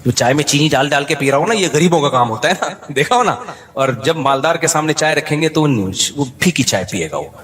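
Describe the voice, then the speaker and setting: In a recording with a long reverb tail, a male Islamic scholar delivers a funny religious lecture, laughing between points as he tells stories in a joking way. His voice is a little high, brisk, and a bit bright.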